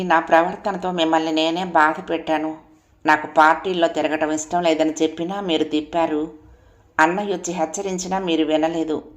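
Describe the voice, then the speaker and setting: A woman's voice: on the low side, natural voice. A woman voicing a dignified young wife who speaks in an earnest, tearful way.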